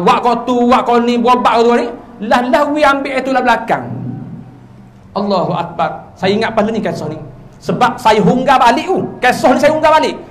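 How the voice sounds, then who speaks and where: In a village prayer hall, a religious teacher with a Terengganu Malay accent gives an evening lecture. He tells his stories with lively energy, his pitch and volume lurching suddenly between loud and soft.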